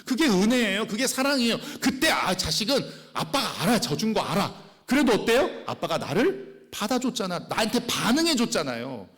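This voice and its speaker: A male pastor in his forties preaches in a church with long reverb ringing behind his voice. His fairly high voice leaps up and down as he goes from exclamations to hushed whispers. He asks the congregation questions and acts out the people he quotes. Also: moderate pace, hardly any pauses. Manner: animated, swings from loud exclamations to hushed whispers. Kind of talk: sermon. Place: church sanctuary.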